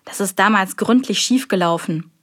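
A woman's voice: mid-range voice, moderate pace, a bit bright, close to an everyday voice. A woman reading an audiobook, voicing an earnest, apologetic male assistant. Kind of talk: audiobook character voice.

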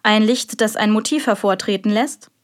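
A woman's voice: medium pitch, normal speed, natural voice. A woman reading an audiobook, voicing a stern, irritable male magistrate with biting sarcasm. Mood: interrogating. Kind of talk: audiobook character voice.

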